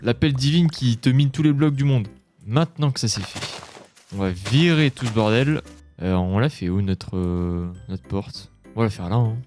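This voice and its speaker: A young man speaks casual gameplay commentary at a middle pitch. He chats on in a relaxed way and then jumps into loud, startled cries. Faint game music runs quietly behind him. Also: normal speed. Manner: chatty and jumpy, shouting when scared. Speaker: gaming YouTuber. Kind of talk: Let's Play commentary.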